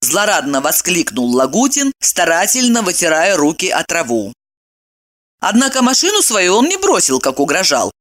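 A woman narrating a story aloud, reading in an expressive, dramatic way. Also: on the low side, normal speed.

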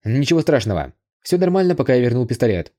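A man voicing a calm, polite young male hero in an audiobook, measured and courteous. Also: medium pitch, natural voice. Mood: relieved. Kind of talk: audiobook character voice.

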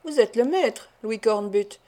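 A woman's voice: on the high side, steady tone, normal speed, dark tone, close to an everyday voice. A woman reading a cold, mocking ship's mate. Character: scheming ironic ship's mate, adult man. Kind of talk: audiobook reading.

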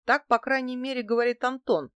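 Brief: smug, skirt-chasing travel boss in a detective audiobook, read by a woman, brisk and evasive, dry close sound. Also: sits high, steady tone, clear, resonant tone, no echo, highs cut off, voice pushed up, lightly acted. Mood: explaining. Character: smug married male travel agency director. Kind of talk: audiobook character voicing.

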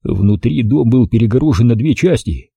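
A male audiobook narrator telling a story in the first person, calm and wry. His voice is dark and mellow with a husky edge. The recording is dry and close. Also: mid-range voice, normal speed, dry recording.

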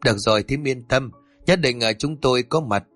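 A man voicing a calm, plain-spoken middle-aged village man. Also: mid-range voice, fairly quick, no echo, faint music behind, natural voice.

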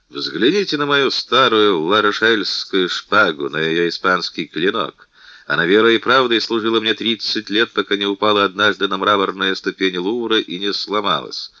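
A man's voice: on the low side, pushed and bright, no room sound, lo-fi sound. A man reading the part of a bold, jovial middle-aged musketeer captain who speaks in a hearty, persuasive way.

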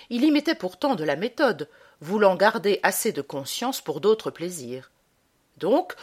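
A woman narrating a short story as an audiobook reader, with an expressive, dramatic reading. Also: on the low side, husky.

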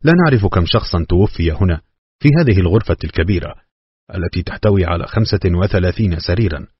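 A man narrates a novel in a steady, solemn manner. His voice is deep and husky. The recording is dry and sounds dull and lo-fi. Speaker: audiobook reader.

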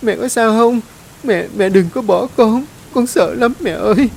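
A man's voice: high voice, unhurried, gravelly, darkish tone, a little hiss or hum, voice pushed up. Man doing a small terrified child's voice. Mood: pleading tearful. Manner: pleading, tearful. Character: small frightened child crying for its mother.

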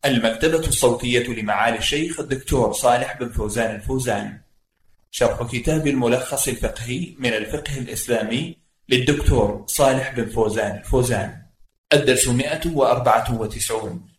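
A man's voice: medium pitch, fairly quick. A man reading a formal scripted introduction in Standard Arabic as an announcer. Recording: roomy echo on the voice.

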